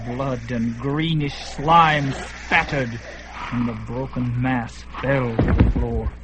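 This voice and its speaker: A man narrates a fantasy radio drama, his medium-pitched voice steady and slow. His delivery is dramatic, swelling at the peaks and hushed in the quiet parts. The recording is very noisy.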